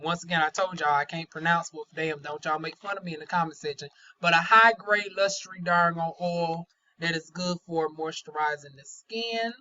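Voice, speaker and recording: Bright-voiced Southern woman with soft, imperfect Rs. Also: fairly low pitch, normal speed. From North Carolina, US South. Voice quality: trouble pronouncing R sounds. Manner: folksy, candid, chatty with playful euphemisms and slang. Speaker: beauty vlogger, aesthetician. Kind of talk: casual product-review chat. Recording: dull, lo-fi sound.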